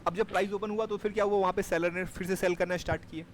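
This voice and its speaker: A man's voice: sits high, fairly even intonation, rapid-fire, a little hiss or hum. A man teaching a live class on trading, explaining step by step and checking that his students follow. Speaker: stock market trading teacher.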